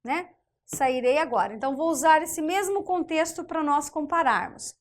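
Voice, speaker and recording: A Brazilian woman teaching a grammar lesson in a deliberate way, often checking in with her students. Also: high voice.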